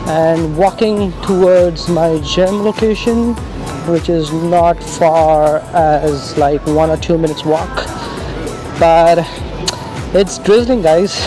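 A man vlogging casually to a handheld camera, upbeat and halting, with frequent filler sounds. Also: on the high side. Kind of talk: casual vlog talk to camera. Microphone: handheld camera mic.

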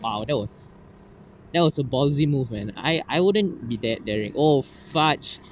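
A young man with a Singaporean accent giving excitable, swear-laden commentary while riding a motorcycle through the city. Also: medium pitch, a little slow, muffled recording. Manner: excitable, swears and exclaims a lot. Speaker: motovlogger. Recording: helmet mic with loud wind and traffic noise.

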